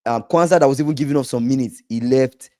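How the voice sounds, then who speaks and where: A man co-hosting a casual football podcast, emphatic and repetitive, a little hoarse. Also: mid-range voice, quick pace, warm tone. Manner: emphatic, repeats himself, trails off. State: slightly hoarse from shouting. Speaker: podcast co-host.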